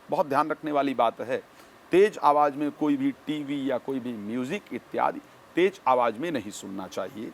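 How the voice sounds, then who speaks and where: A man speaking as an expert guest, giving formal, measured instructions point by point. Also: mid-range voice, gravelly, a little hiss or hum. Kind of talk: explanatory interview answers.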